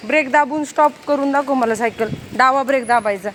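A woman's voice: high voice, brisk, a little hiss or hum. A young adult woman vlogging outdoors, giving a child firm, repeated instructions on riding a bicycle. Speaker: vlogger and mother. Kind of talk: casual family vlog, teaching a child to cycle. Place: outdoors in a housing complex near underground parking.

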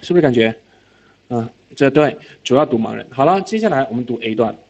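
A man teaching IELTS reading in a recorded lecture, animated, often asking whether students follow and dropping English words into his talk. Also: mid-range voice, fast talker, gravelly. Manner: mixes English words into speech. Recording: slightly dull lo-fi lecture audio.

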